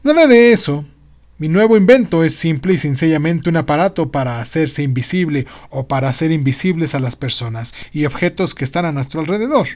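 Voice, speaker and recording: Man voicing a pompous, high-pitched excitable inventor. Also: a little fast, few pauses, natural voice. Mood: proudly confident. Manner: pompous, exclamatory. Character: excitable, boastful male inventor, grandiose and always optimistic. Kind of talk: audio storybook.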